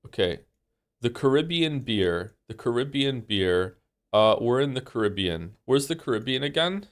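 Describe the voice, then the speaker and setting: Expressive and at a moderate pace, a man around forty chats on a live game stream with a congested-sounding voice. He meanders with frequent fillers and restarts, staying low-key and gently poking fun at himself.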